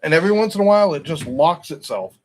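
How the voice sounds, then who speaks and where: Man, middle-aged, stream host, casual rambling sports talk, opinionated, slightly raised pitch. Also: animated, fast talker, a little hiss or hum. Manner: rambling, self-correcting, opinionated. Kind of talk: casual football chat.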